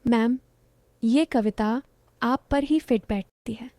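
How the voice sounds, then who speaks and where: An infatuated young student pleads his feelings in a soft, earnest voice, as a woman narrator puts him on. The voice sits fairly high and mellow. The sound is dry and close. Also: takes it slowly, no echo. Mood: earnest, tender.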